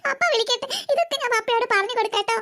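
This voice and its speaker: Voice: extremely high pitch, very fast, background noise. A performer voicing a sulky older sister in a cartoon, a girl who whines and complains to her mother. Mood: whining. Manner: whining, complaining.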